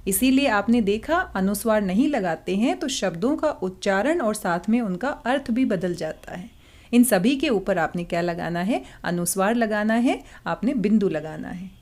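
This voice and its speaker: A woman teaching a Hindi worksheet lesson to children, reading words slowly and carefully, asking questions and answering them herself. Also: mid-range voice, darkish tone. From India. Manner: slow, careful reading aloud of words and passages; addresses pupils kindly, asking and answering own questions.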